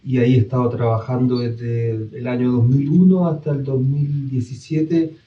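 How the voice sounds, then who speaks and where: Calm man, roomy and distant. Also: medium pitch, moderate pace. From El Salvador. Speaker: psychologist, interview guest. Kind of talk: live radio interview. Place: radio studio. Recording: roomy, distant, dull radio recording.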